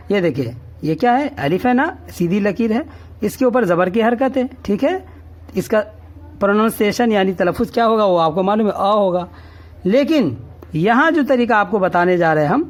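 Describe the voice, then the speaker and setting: A man teaching a reading lesson, speaking slowly and patiently. He drills each syllable over and over and keeps checking that the learner follows. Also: sits high. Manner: slow, patient drilling, repeating each syllable three times; often asks "ٹھیک ہے؟" to check understanding. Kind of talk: classroom-style reading lesson.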